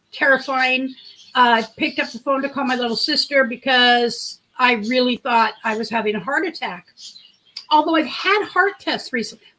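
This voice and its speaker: A middle-aged woman with a big, high, sharp voice runs a livestream, telling a rambling story and picking up comments from her chat as they come. Audio quality is poor.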